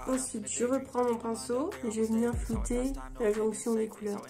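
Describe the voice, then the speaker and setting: A woman with a slightly high voice walks through her makeup routine one step at a time, relaxed and chatty. Clear background music plays under her narration. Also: normal speed. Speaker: beauty vlogger. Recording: music playing behind the voice.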